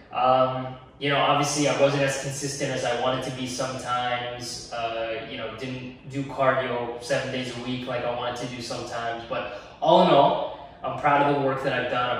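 In a home gym, a young Egyptian man hosts a fitness channel vlog, speaking to camera in an earnest, encouraging way. His mid-range voice moves little in pitch at a moderate pace, with a little hiss or hum. The camera sits at a distance in an echoey room.

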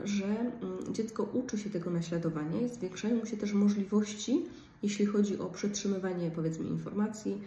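A woman speech therapist gives an informal lecture, explaining step by step and often stopping on hesitation fillers. Her voice is warm and mellow and sits at a middle pitch. She is heard from some distance in a roomy, echoing space with a faint hiss behind her.

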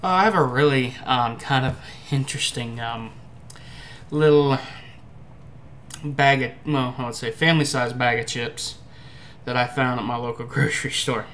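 In a casual to-camera chat, this young adult amateur food reviewer speaks haltingly and thoughtfully from a room in his home, with noise in the recording. He has a medium-pitched, fairly bright voice.

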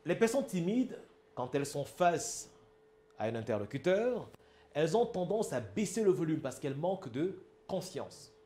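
A man's voice: on the high side, very animated, normal speed, mellow, echoey room. Man teaching with Cameroonian French accent. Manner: emphatic, asks the audience if it is clear. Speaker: public speaking trainer. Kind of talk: instructional talk.

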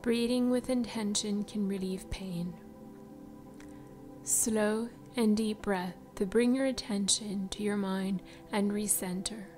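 Woman, slow pace, soft spa whisper, meditation guide, soothing, music behind. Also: medium pitch, fairly even intonation. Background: background music.

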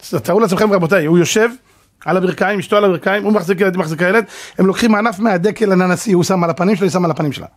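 A rabbi gives a sermon-style Torah lecture to a live audience in a voice that sits high. He tells a story dramatically and puts rhetorical questions to his listeners.

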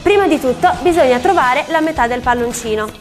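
A woman's voice: high voice, a little fast. A woman explaining step by step how to make a balloon figure for children, in a friendly teaching manner. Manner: friendly, instructive. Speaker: balloon-craft instructor on a children's show. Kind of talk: step-by-step craft tutorial. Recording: music bed behind voice.

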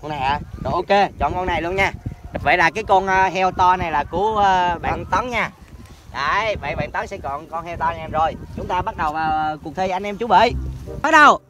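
A man's voice: high voice, brisk, noisy background. A young man with a Southern Vietnamese accent hosts a casual challenge vlog outdoors, explaining things in a repetitive, hesitant way. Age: young adult. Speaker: host of a challenge video. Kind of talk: casual vlog presenting and instructing. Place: open grassy field outdoors. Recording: loud music over outdoor speech. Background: loud music.

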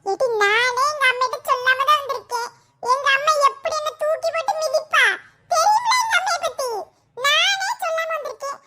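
A chatty village girl, played by a woman in a cartoon. She teases and laughs as she talks. Her voice is very high and bright. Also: normal speed, soft background music. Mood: teasing. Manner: lively, teasing, laughing.

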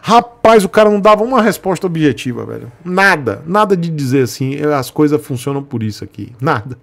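Here the same Brazilian-accented motorcycle vlogger jokes and rants sarcastically at his stream chat, chuckling often. His slightly high voice is sing-song, a bit creaky and bright, and moves a little fast.

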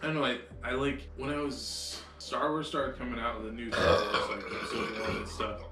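A man's voice: mid-range voice, fairly even intonation, moderate pace, heavy background noise. A man chatting casually as a guest on a video show, enthusiastic and slangy. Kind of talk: casual chat. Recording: echoey, distant mic, music behind. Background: clearly audible music.

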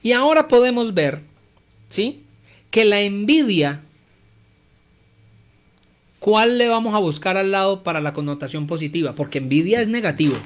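A man's voice: high-pitched, animated, moderate pace, long pauses, highs cut off. A man giving a conversational Bible teaching, often checking in with his listeners and acting out everyday speech to make his points.

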